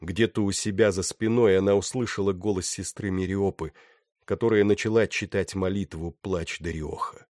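A man narrating a novel with steady, dramatic storytelling. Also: deep voice, moderate pace, no echo, studio quality. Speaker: audiobook narrator. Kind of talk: scripted narration.

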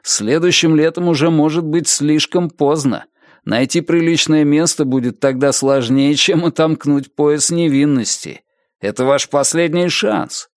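A pushy, sneering middle-aged man lectures a younger colleague, as a male narrator puts him on. He leans on every point with insistent, needling persistence. The audiobook voice is slightly high for a man and recorded very dry. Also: unhurried, no echo.

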